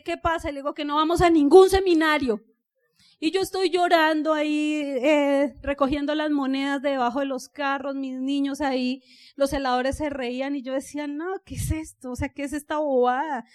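A Colombian woman with a high, bright-pitched voice speaks to a seminar audience in an animated, storytelling way. She drives her points home by asking the crowd for agreement again and again, like a motivational speaker on stage.

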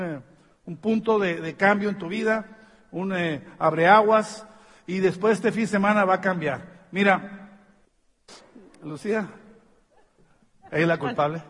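A man with a Mexican accent presenting a business seminar on stage, joking and halting with many fillers. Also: sits high, a bit bright. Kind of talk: speaking on stage to an audience. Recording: long hall reverb.

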